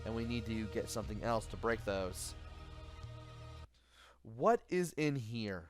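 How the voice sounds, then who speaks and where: A tired man giving low-key gameplay commentary late at night, thinking aloud as he plays. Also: expressive, measured pace. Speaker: let's play host. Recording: faint game music behind.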